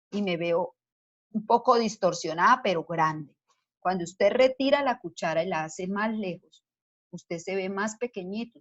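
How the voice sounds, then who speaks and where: A woman teacher giving a science lesson to children, explaining patiently step by step and asking the class questions as she goes. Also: medium pitch. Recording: dull lo-fi sound.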